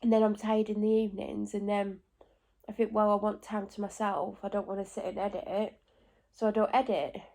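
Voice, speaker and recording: A congested woman with a cold records a relaxed vlog from home, rambling with plenty of side comments and self-corrections. Her voice is medium in pitch, level, brisk and mellow.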